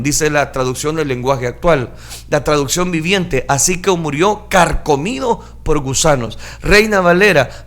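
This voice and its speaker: A male preacher giving a sermon, retelling scripture dramatically and switching between calm explanation and loud acted outbursts. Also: a little high. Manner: dramatic, shouts acted crowd lines.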